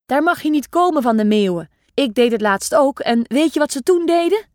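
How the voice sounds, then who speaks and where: A woman's voice: sits high, animated, moderate pace, no room sound, clean studio sound. A woman voicing a playful, joking grandfather who teases the children with a silly tale. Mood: teasing.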